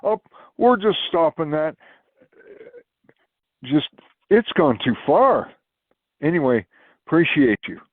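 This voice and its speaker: A man's voice: on the high side, sing-song, takes it slowly, pauses often. A man calling in to a town hall, talking bluntly and casually. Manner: blunt, conversational. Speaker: caller. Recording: phone line.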